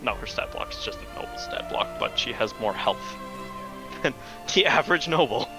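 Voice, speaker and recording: A man's voice: mid-range voice, animated, moderate pace, music in the background, poor audio. A man running an online tabletop game as game master, talking loosely and swearing casually over voice chat.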